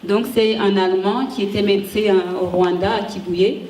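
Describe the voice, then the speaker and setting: Woman presenting research at a conference, warm and mellow, often pausing and restarting; recorded from afar in a reverberant room. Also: medium pitch, steady tone. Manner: halting, frequent restarts while searching for words. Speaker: conference speaker, ethics researcher. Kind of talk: academic conference talk with slides. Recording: echoey room, distant mic, faint hiss.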